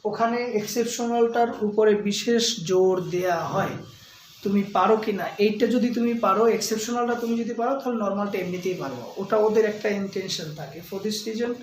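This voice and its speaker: A man with a Bengali accent lectures on English grammar, repeating each word slowly. His voice rings through a very echoey room, picked up from a distance with faint noise behind. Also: high-pitched. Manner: explains slowly, repeats words, stretches English terms aloud. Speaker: English tutor.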